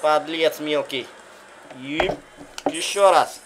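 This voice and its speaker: A man calling a wrestling video game like an excitable commentator, in short bursts full of exclamations. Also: fairly high pitch, slow, slight background noise, low-quality recording. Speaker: gaming commentator.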